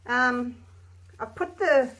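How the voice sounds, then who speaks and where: A woman's voice: a little high, background noise. Australian woman, slightly muffled behind a mask. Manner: chatty, thinking aloud. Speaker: craft tutorial host. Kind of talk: casual chatty demonstration. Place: indoor craft table.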